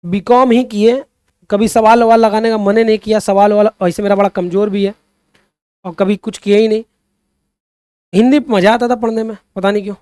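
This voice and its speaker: Man, young adult, very high voice, online Hindi teacher, repeats questions, coaxes students, dry close recording. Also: steady tone, fairly quick, long pauses, warm tone, clean tone, no echo. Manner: addresses students as friends and child, repeats questions, asks for answers; digresses into impassioned social commentary. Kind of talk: online exam-prep class.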